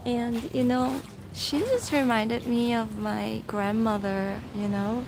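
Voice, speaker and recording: A woman's voice: fairly high pitch, takes it slowly. A woman chatting casually to viewers as a vlogger, thinking aloud, recorded on a handheld phone by a swimming pool. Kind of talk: casual live chat to viewers. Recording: noisy poolside ambience on phone mic.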